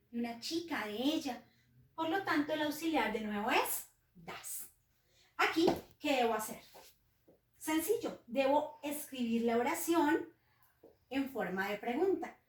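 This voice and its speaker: A woman's voice: sits high, far from the mic. A woman teacher explaining English grammar patiently to young pupils. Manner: slow, patient explaining, addresses pupils as children. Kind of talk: recorded classroom lesson. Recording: roomy echo, voice set back from the mic.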